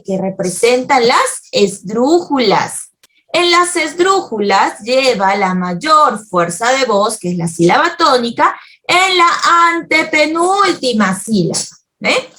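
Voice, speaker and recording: A woman's voice: a little high, fairly bright tone. A woman teaching a children's grammar lesson, speaking patiently and often checking that the listeners follow.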